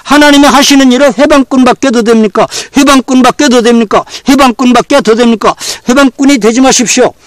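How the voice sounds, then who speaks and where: A man preaches as a pastor in a very high-pitched voice, moving briskly with few pauses on a dry recording. He repeats phrases over and over for emphasis and fires rhetorical questions at the congregation.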